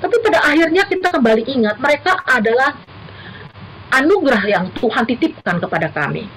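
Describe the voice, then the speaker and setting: A woman's voice: sits high, very animated, a little fast, fairly bright tone, slight background noise, rough recording. A middle-aged woman, a university lecturer, giving an earnest church talk to the congregation. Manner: earnest, addresses listeners as brothers and sisters. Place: church service.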